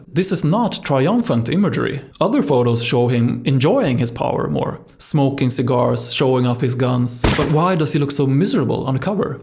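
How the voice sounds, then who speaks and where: A man's voice: mid-range voice, gravelly, darkish tone. A man hosting a video essay, giving scripted commentary in a wry, analytical way. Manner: wry, analytical, occasionally mocking.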